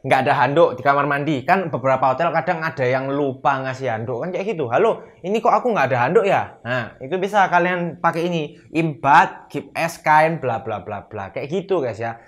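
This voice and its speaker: A young man talks through a relaxed language lesson in a loose, chatty way. He acts out little sample complaints in a livelier voice, then slows down carefully to say each foreign phrase. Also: fairly high pitch. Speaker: language teacher. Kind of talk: casual lesson explaining phrases.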